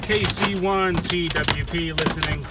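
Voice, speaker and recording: A man's voice: fairly high pitch, fairly even intonation, measured pace. A man reporting from inside his car during a hailstorm, speaking up as an amateur radio operator. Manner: speaking up over a loud hailstorm. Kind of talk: in-car storm vlog and radio chat. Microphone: handheld phone in car. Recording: far mic, loud rain and hail noise.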